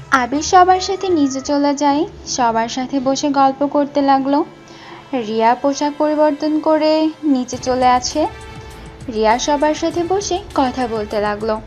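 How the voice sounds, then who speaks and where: A woman narrator reading a scripted romantic story with music behind her. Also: high-pitched.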